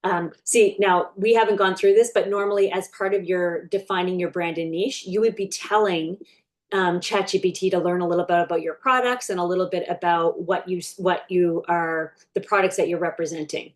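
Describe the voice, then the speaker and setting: A woman coaching online sellers in a casual, unscripted screen-share tutorial, chatting freely with fillers and restarts and slowing right down whenever she dictates a prompt. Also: lowish voice, steady tone.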